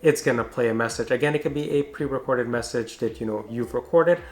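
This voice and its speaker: A man's voice: medium pitch, brisk, darkish tone. A man reviewing a product in a conversational, informal and explanatory way.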